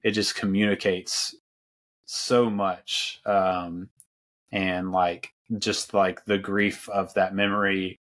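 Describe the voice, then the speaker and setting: A man's voice: low voice, flat delivery, slow pace, a bit bright. A man hosting a podcast, talking casually about films with many fillers and restarts. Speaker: podcast host. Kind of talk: casual film discussion.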